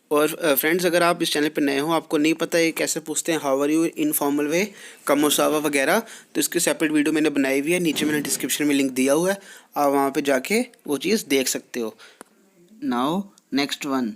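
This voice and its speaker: Man teaching a language lesson. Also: on the high side. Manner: mixes Hindi and English, slow deliberate reading of terms, quick explanations. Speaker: French teacher.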